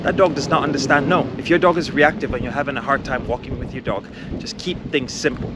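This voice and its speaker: A man's voice: mid-range voice, fairly even intonation, fast talker, background noise. A man who trains dogs, talking bluntly and directly to the viewer while walking a dog outside. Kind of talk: outdoor training instruction. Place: outdoors on a street.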